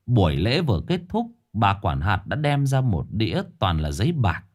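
A man narrating a scripted ghost story in a dramatic, expressive storytelling manner. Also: lowish voice, moderate pace.

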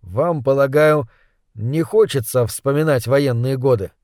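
A man reading the part of a measured, questioning storyteller in an audiobook. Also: mid-range voice, a little mellow, no room sound, clean studio sound, lightly acted. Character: curious, skeptical male first-person narrator.

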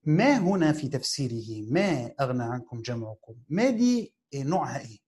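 Lecturing casually on a classical commentary of the Quran, this Egyptian-accented man speaks at medium pitch with big swings and a darkish tone. He frequently asks his students something and then supplies the answer himself, pausing at length.

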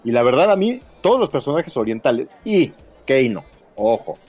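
A man's voice: medium pitch, sing-song, normal speed, a little mellow, husky. A man with a Mexican accent in a casual film discussion, colloquial and often seeking agreement. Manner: colloquial, seeks agreement with tag questions. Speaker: podcast panelist.

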